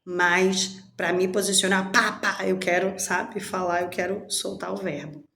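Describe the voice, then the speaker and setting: A candid woman talks to her viewers about her own feelings, chatting openly and voicing both sides of her inner arguments. Her voice sits at a middle pitch and rings out in a noticeably echoey room. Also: steady tone, unhurried, bright, forceful tone, a little hiss or hum. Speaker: channel host. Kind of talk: personal reflection vlog.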